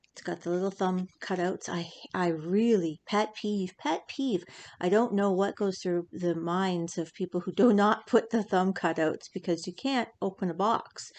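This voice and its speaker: A woman reviewing a tarot deck in a chatty, rambling way, full of fillers and restarts, her voice a bit hoarse from incense smoke. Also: fairly low pitch, a little mellow. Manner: chatty, self-interrupting, lots of fillers. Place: indoors at home, incense burning.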